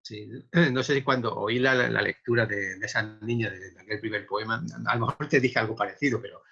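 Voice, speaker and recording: A man from Andalusia with a softened Andalusian accent, a poet speaking reflectively and hesitantly in an interview. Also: lowish voice, a little fast, breathy edge, muffled recording. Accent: softened Andalusian Spanish. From Andalusia, Spain. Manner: reflective, hesitant, many repeated words. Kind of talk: remote interview conversation.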